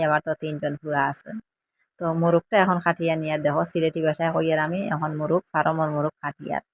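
A woman's voice: fairly low pitch, a little hiss or hum. A middle-aged woman from Assam with a Sylheti accent, chatting homely and repetitive in a casual cooking vlog from her village kitchen. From Assam, India. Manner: chatty, homely, repeating words for emphasis. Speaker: village lifestyle vlogger. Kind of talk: casual cooking vlog, explaining dialect words.

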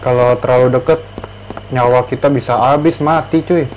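A man's voice: mid-range voice, fairly even intonation, moderate pace, darkish tone, slight background noise, low-quality recording. A young man gives casual, slangy commentary as a horror game streamer, jumpy and easily scared. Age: young adult.

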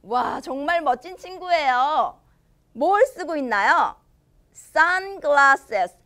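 A woman with a high, lively voice teaches kids English by reading a storybook in a green-screen studio, reading the English slowly and with exaggeration and explaining it cheerfully in Korean.

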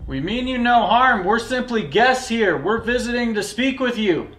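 A young man speaks to unseen spirits in a calm, polite, reassuring way, his voice on the high side. The room around him is bare and echoey. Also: normal speed. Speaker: paranormal investigator. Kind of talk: ghost-hunting vlog. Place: inside an old, reputedly haunted building.

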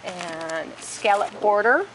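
In a large warehouse with wire shelving, a store host walks through products from behind a handheld camera, naming them plainly one after another. She has a mid-range voice with lively intonation and a slow pace, against noisy surroundings.

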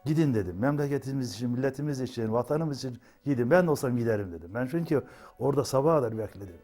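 A man's voice: medium pitch, expressive, very fast, warm tone, faint music behind. An older man, a father, recalls for a documentary what he told his sons, quoting his own advice. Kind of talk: emotional first-person recollection.

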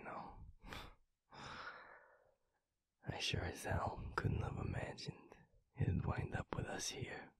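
In an intimate audio roleplay, a young American man plays an affectionate, teasing werewolf boyfriend, his voice a breathy, husky, gravelly low whisper that is hushed and exaggerated. He speaks slowly and intimately with pauses, in a tender, grateful mood. It's a dry, close-miked studio recording with no echo.

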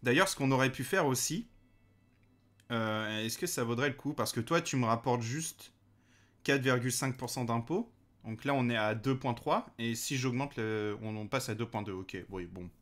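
A man's voice: mid-range voice, moderate pace, fairly bright tone. A man hosting a let's play, chatting casually with lots of hesitations and fillers and addressing the game's characters directly. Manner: hesitant, many fillers, talks to game characters. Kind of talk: casual gameplay commentary.

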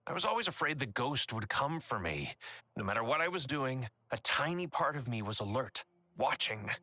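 An earnest, good-hearted middle-aged baker from a cozy video game,. His lines are heartfelt, and his pitch rises and falls a great deal. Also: very animated, moderate pace, pushed and bright, no room sound. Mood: relieved.

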